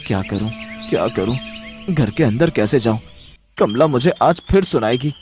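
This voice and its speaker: A man's voice: mid-range voice, expressive, moderate pace, faint music behind, voice pushed down, close to an everyday voice. A man voicing a meek, kind-hearted young farmer in a cartoon story, timid and hesitant. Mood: tired, meek. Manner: timid, soft-spoken, hesitant. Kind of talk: cartoon voice acting.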